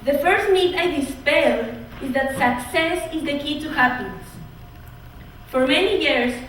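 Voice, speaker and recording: A young woman from Ecuador, a student, delivering an earnest, measured oratory speech. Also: high voice, expressive, a bit bright, distant mic, a little hiss or hum. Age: young adult. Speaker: student speaker. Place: college auditorium. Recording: echoey hall, mic from afar.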